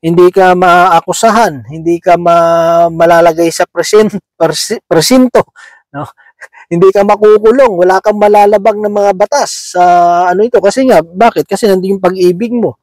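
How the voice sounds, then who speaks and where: A man's voice: high voice, steady tone, moderate pace, a little mellow, no echo, soft background music, poor audio. A man preaching a sermon in a conversational way, checking in with his listeners after nearly every phrase.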